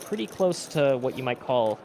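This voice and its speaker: A man's voice: mid-range voice, very animated, normal speed, warm tone, a little hiss or hum. A man giving live poker commentary as a stream commentator, explaining the play in an analytical way. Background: poker players chattering.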